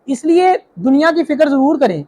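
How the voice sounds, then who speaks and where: A man's voice: very high-pitched, very animated, dark tone. A young man preaching a religious talk, telling stories and asking rhetorical questions. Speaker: Islamic preacher.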